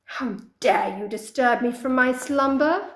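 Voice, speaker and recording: A woman voicing a beautiful, menacing female sea witch who speaks slowly and imperiously in a storybook. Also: high-pitched, very animated, gravelly, mellow, reverberant, voice pushed up, heavily acted. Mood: angry. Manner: slow, imperious, commanding.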